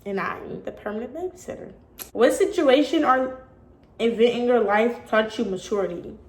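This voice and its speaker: Speaking at a normal speed, a young Californian YouTuber chats lively and directly with her audience through a casual Q&A vlog. Her voice is slightly high, and the room around her echoes.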